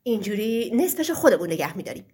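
A woman voicing a harsh, grumbling young farmer son in a storybook tale, speaking curtly with a breathy voice. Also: medium pitch, sing-song, a little mellow. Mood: scheming. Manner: scolding, curt.

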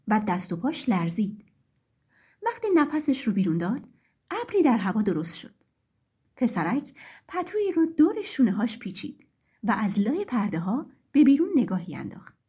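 A woman narrating a children's story in an expressive storytelling manner. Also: fairly high pitch, slightly rough.

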